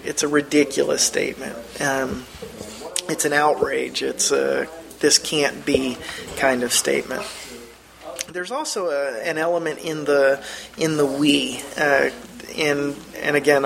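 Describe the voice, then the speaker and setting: A man's voice: mid-range voice, creaky, fairly bright tone, poor audio. A man teaching a Bible study lesson. He explains things step by step, often restarts mid-phrase, and puts questions directly to the class.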